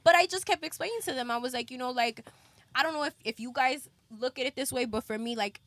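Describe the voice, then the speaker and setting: A woman's voice: sits high, quick pace, no room sound. A woman hosting a casual podcast chat, laughing often and telling stories with lots of swearing. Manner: laughing, animated storyteller, swears freely. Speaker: podcast host.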